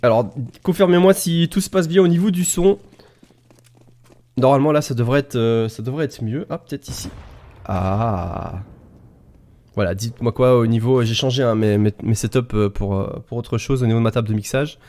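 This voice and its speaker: A man's voice: medium pitch, moderate pace, a little mellow. A Belgian man with a Belgian French accent, casting a live esports match from a home setup into an XLR studio microphone, chatty and joking with his viewers in the chat. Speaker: esports caster. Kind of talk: live game commentary.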